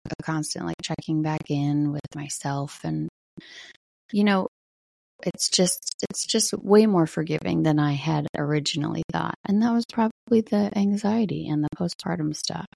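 Middle-aged woman, low morning voice, gravelly fry, reflective casual monologue, podcast host. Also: moderate pace, a little mellow, dry recording. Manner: reflective, conversational. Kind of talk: casual personal check-in monologue.

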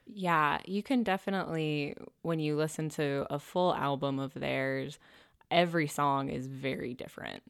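A woman's voice: low voice, normal speed, vocal fry, clean tone, no echo, studio quality. A woman co-hosting a podcast in casual chat, friendly and playful, laughing often. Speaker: podcast co-host.

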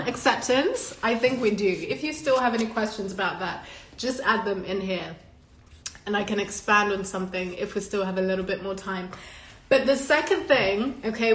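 A woman from Zimbabwe, Shona being her first language, speaks with a medium-pitched, fairly bright voice. She is a live-stream host and coach delivering a casual, earnest, emphatic motivational talk online, swearing as freely as a coach among friends. The recording carries a lot of room echo.

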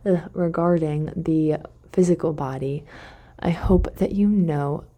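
A woman speaking in a slightly low, warm and mellow voice, hosting a devotional podcast. She talks in a relaxed, conversational way and thinks out loud, pausing to correct herself now and then. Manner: thinking aloud, with self-corrections. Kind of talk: casual faith reflection talk.

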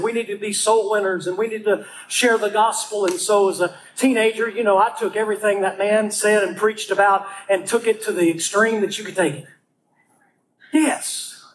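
A pastor preaches in a lively storytelling style and acts out each quote in a raised voice. His voice sits high for a man. A faint hiss runs under the recording. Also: poor audio. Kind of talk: storytelling sermon.

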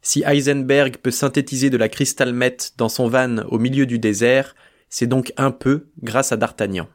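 A man hosting a literature podcast, giving a measured, wry scripted narration and reading a novel aloud. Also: medium pitch, fairly even intonation. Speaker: podcast host.

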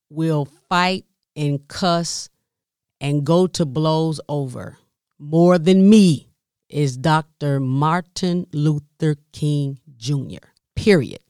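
A woman tells a personal story slowly and expressively, pausing for effect and talking straight to her listeners. Her voice is smooth and resonant. The sound is dry and close, with no room around it. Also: low voice, no room sound. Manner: expressive, with dramatic pauses and direct asides to listeners.

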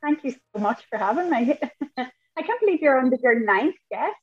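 A woman's voice: high-pitched, sing-song, fairly quick, husky, no echo. A woman with a Donegal Irish accent answering as a podcast guest in a chatty, conversational way, often padding with "I suppose" and "like". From County Donegal, Ireland. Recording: thin phone-like remote line.

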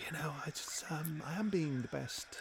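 A man's voice: a little high, measured pace, creaky, pushed and bright, full character voice. A man playing an awkward, self-important middle-aged amateur actor who hesitates and stammers. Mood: fussy. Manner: hesitant, fussy, many ums, stammering. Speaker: improvised comedy performer.

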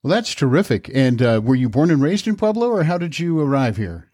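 A local podcast host conducts an interview and reads an ad, asking questions easily with plenty of fillers. His medium-pitched, darkish voice is very animated and fairly quick, recorded in a clean studio with no echo.

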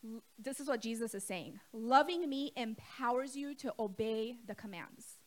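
A woman pastor, middle-aged, delivers a sermon from the pulpit. Her voice sits a little high, and she talks to the congregation directly, throwing questions out to them. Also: normal speed. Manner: conversational preaching, asks the congregation questions. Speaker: co-lead pastor.

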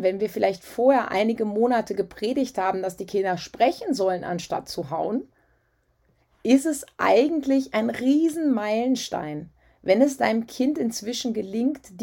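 Husky-voiced woman giving parenting advice. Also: medium pitch, warm tone. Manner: conversational, frequent "ja" and "ähm" fillers. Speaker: parenting coach.

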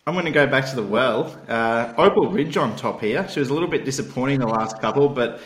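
A man's voice: medium pitch, brisk. An Australian man on a racing podcast panel, chatting and telling anecdotes in a blokey, slangy way. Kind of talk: casual chat and anecdotes. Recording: roomy, echoing sound.

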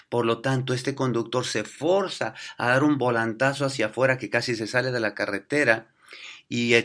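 A man's voice: mid-range voice, a bit bright. A man giving a motivational business talk, telling stories and tossing rhetorical questions at his listeners. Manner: storytelling, addresses listeners as "muchachos", tag questions.

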